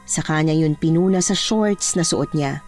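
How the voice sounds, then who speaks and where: A woman narrating a horror story in the first person, in a measured, hushed way. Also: deep voice, faint music behind.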